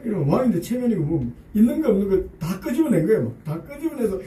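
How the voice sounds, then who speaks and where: A man preaching as pastor, talking in a lively, conversational way, with rhetorical questions and humorous asides for the congregation. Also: sits high, fast talker. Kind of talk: sermon. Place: church sanctuary. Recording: echoey church room, voice picked up from a distance.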